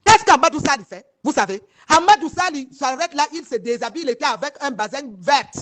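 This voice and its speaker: A woman from northern Cameroon speaks. She talks fast and emphatically, stacking restarts and repeated words as she addresses her audience directly. Her tone is heated testimony, never detached. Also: high voice, lively intonation, a bit bright. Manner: speaks straight to her audience and asks if they follow. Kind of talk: heated first-person testimony to viewers.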